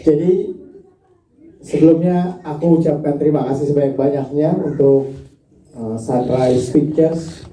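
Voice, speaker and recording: A male journalist addressing a press conference in a slow, formal manner. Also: on the high side, steady tone, dark tone, slight background noise. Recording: echoey hall from far off.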